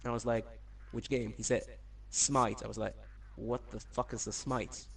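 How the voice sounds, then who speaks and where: A man's voice: on the low side, little pitch movement, fairly quick, gravelly, slightly rough. A man chatting casually as a podcast guest, talking in an informal, anecdotal way. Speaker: podcast guest, competitive gamer. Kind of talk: casual chat.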